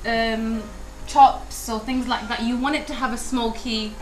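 Chatty woman co-presenter, slightly high voice. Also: fairly even intonation. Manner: chatty, teasing, quick-talking. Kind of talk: casual chat. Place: TV studio kitchen set. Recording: roomy studio sound with music.

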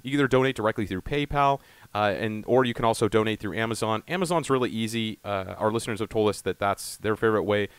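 A man's voice: on the low side, fast, smooth, no room sound. A man hosting a casual podcast, chatting in a rambling, upbeat way into a close mic. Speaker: podcast host.

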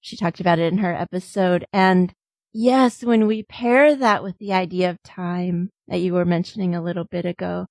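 A woman's voice: fairly low pitch, steady tone, moderate pace, a little mellow, dry recording. An American woman hosting a podcast, talking in a chatty, affirming way in casual conversation. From United States. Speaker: podcast host.

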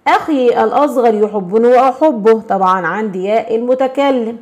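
Egyptian woman teacher, bright higher register, walks students through grammar with constant check-ins. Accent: Egyptian Arabic. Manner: checks in constantly and prompts with questions; slows and stresses words when reading examples. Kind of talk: explaining a grammar lesson.

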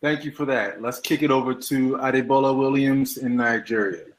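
A man's voice: mid-range voice, steady tone, normal speed, poor audio. A man moderating an online panel over a video call, reading formal prepared remarks.

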